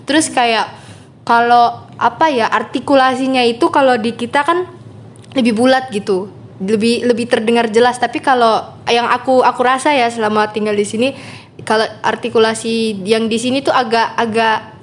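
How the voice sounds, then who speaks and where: A young woman, speaking slowly and hesitantly as an interview guest, laughing often. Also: fairly high pitch, steady tone, a little hiss or hum. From Papua. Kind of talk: casual interview chat.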